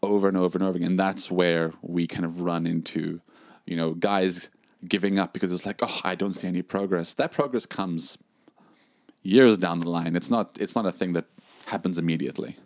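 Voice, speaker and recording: A man's voice: low-pitched, steady tone, normal speed, a little mellow, no room sound, clean studio sound. A young man, a drum teacher, talking casually in a chat, with many fillers and restarts. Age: young adult.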